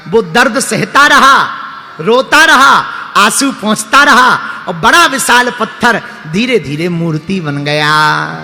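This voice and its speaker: A man's voice: sits high, sharp tone. A male preacher giving a sermon, telling humorous stories and singing verses. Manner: humorous storytelling, sings verses. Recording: long hall reverb, faint music.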